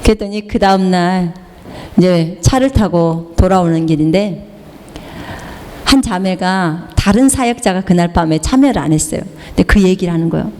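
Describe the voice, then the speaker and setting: A woman missionary preaching, telling a healing story with animated storytelling and acted-out dialogue in a church hall. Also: fairly low pitch, moderate pace. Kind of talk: sermon testimony. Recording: long hall reverb.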